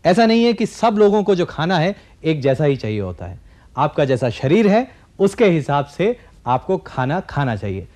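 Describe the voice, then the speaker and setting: Working on a studio kitchen set, a TV cooking show host in his forties demonstrates a recipe, speaking directly to the audience and patiently explaining each step. His fairly high, slightly mellow voice swings widely in pitch at a normal speed and is recorded close by a clip-on mic.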